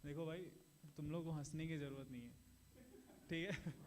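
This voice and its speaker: A man performing stand-up at an open mic, spinning sarcastic, self-mocking stories. His voice sits high for a man, with a faint hum of room noise behind him. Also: steady tone, normal speed, a little mellow. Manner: sarcastic, self-deprecating storytelling. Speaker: stand-up comedian. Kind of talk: stand-up comedy set. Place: small open mic venue.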